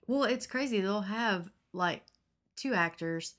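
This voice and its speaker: Podcast co-host, female, medium pitch, easygoing playful banter. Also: animated, slow pace, a bit bright. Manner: playful, laughs through her lines.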